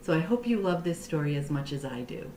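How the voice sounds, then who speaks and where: A woman with a deep voice reads a children's picture book aloud like a storytime teacher, phrasing each line deliberately and expressively for young listeners. A little hiss or hum can be heard in the recording.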